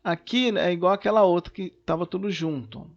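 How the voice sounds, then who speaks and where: A man's voice: high-pitched, fairly quick, vocal fry, highs cut off. A male teacher recording a lesson at home, patiently explaining worksheet questions and often checking in with "né" and "tá". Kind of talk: recorded remote class lesson.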